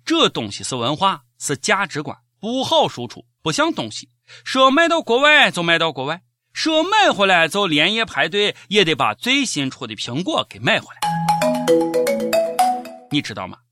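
A man's voice: sits high, wildly swooping pitch, normal speed, bright, forceful tone. A man with a Shaanxi accent hosting scripted satirical news commentary in a mocking, sarcastic manner. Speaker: host of a comic news show.

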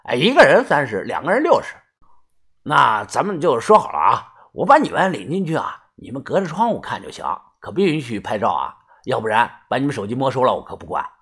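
A man voicing a pushy long-haired middle-aged male hustler who pitches in a hushed, wheedling way. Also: sing-song, brisk, breathy edge, heavily acted. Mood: bargaining.

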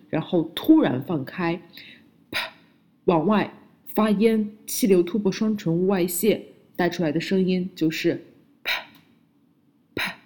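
Lady teaching english sounds, talks real slow and deliberate, says each word clearly so you can repeat it. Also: on the low side, dark tone. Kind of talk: slow, deliberate phonics lesson.

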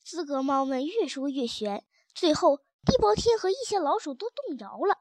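A woman narrating a children's story in the first person, as a cat, with a lively, expressive reading. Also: sits high, moderate pace, no echo.

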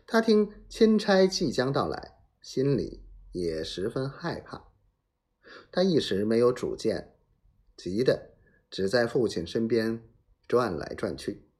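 Guy reading a long history novel out loud like a storyteller, slow and dramatic, voice goes up and down a lot. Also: mid-range voice, very animated.

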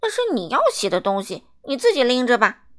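A woman's voice: a little high, big pitch swings, a little fast. A woman voicing a stingy male miser who refuses curtly and shrieks in panic.

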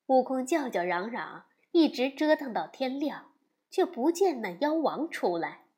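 A woman narrates a classic story slowly and expressively, with a lively voice that swings up and down. Her pitch sits a little on the high side, and she leans into each character.

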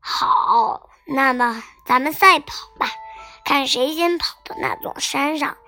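Brief: a woman reading a gruff but tender tyrannosaurus dad in a kids' storybook, hushed and gentle, slightly gravelly, with music behind. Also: high-pitched, takes it slowly, exaggerated voice.

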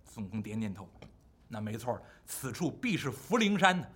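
A man's voice: mid-range voice, big pitch swings, brisk, a bit bright, slightly rough. A man telling a classic story in the traditional storytelling style, vivid and full of spoken sound effects.

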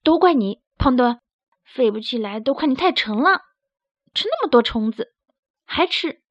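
A woman voicing a loud-mouthed, bossy field mouse villain who scolds and grumbles. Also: high-pitched, brisk, no room sound, close to an everyday voice. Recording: dry, slightly dull recording.

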